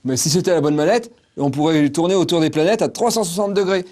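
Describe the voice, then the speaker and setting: A man voicing a naive, excitable male video game fanboy who talks eagerly and gushes in a comedic sketch. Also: fairly high pitch, fast, voice pushed up, lightly acted. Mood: gushing. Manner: eager, gushing.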